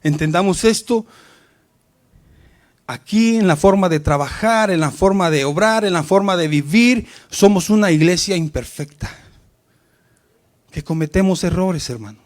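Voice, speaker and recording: A man's voice: high voice, unhurried, pauses often. A man preaching a sermon to his congregation, rising and falling for emphasis and often calling out to his listeners as brothers.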